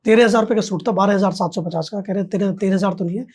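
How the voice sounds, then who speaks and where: A man's voice: high-pitched, fairly even intonation, very fast, darkish tone, breathy edge. A man, a podcast guest, telling a story in casual conversation and acting out both sides of the dialogue.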